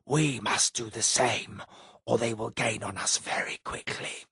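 A man reading an audiobook, voicing an alien male envoy with a rough, papery voice and a slow, formal delivery. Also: mid-range voice, sharp tone, dry recording, clean studio sound, exaggerated voice. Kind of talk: audiobook character voice.

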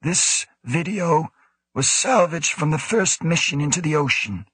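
A rasping, secretive station director who lectures in sharp, emphatic bursts, pitched well above his performer's own voice, as a man puts him on for a spoken story. The sound is dry and close, with a husky edge. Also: lively intonation, a little slow, no room sound, heavily acted. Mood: insistent. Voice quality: rasping, labored.

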